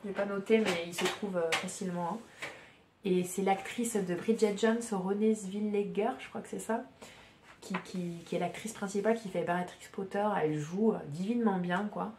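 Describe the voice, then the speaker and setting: A woman hosting a podcast from home, chatting casually and haltingly, with many fillers and restarts. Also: mid-range voice, fairly even intonation, echoey room, slight background noise. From France. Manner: hesitant, many fillers and restarts, soft-spoken. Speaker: podcast host. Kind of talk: casual chat.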